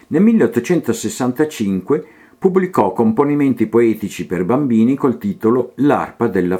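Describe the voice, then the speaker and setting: A man reads a short literary piece and then recites rhyming verse. His pitch sits mid-range but moves in wide, lively swings. He gives the lines a performed, storytelling shape. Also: husky. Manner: expressive recitation, voice rising and falling with the verse. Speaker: narrator. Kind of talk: reading a literary text and poem aloud.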